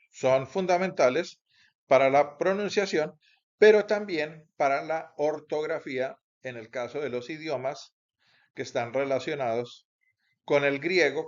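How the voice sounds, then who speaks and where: A man teaching Bible Greek in a recorded lecture, explaining slowly and deliberately with pauses and self-corrections. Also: medium pitch. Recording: dull lo-fi recording.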